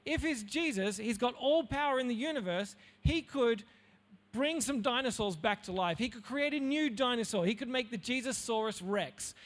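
A man preaching in a high voice, animated and jokey, with plenty of playful asides. His voice carries a long reverb from a large hall. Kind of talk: Bible talk for young listeners.

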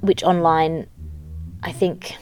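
A woman comedian talks slowly and levelly backstage at a venue, her lowish voice darkish in tone. The chat is casual, but she approaches things in a thoughtful, analytical way.

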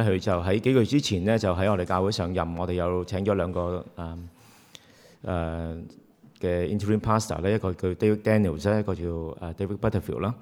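A man opens a church service and introduces the guest speaker, friendly and filling gaps with hesitations. His voice is very low and carries the long reverb of a church hall. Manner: friendly, hesitant with many fillers. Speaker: pastor hosting the service.

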